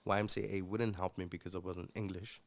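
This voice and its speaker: A young man, a musician guest, telling his personal story in an earnest, reflective way with halting restarts. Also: low-pitched, level tone. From South Africa.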